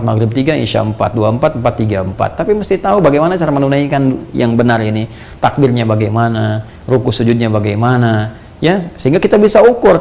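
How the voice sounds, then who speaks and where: A man from Indonesia giving a sermon lecture, animated, asking the audience rhetorical questions and leaping high in pitch for emphasis. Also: gravelly. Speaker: Islamic preacher.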